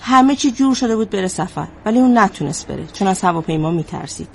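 An actress playing a female therapist who asks calm, probing questions. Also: mid-range voice, vocal fry, a little hiss or hum. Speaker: psychologist. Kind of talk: drama dialogue.

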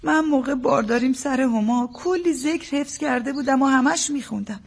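A husky, tearful young mother. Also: sits high, exaggerated voice. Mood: tearful, defensive. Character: tearful mother of a new baby, anxious, devout. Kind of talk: TV drama acting.

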